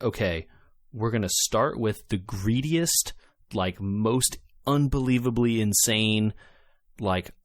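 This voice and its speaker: The recording is clean studio sound without echo, capturing a medium-pitched male co-host on a laid-back gaming podcast. Exasperated and emphatic, he doubles up words to drive his points home.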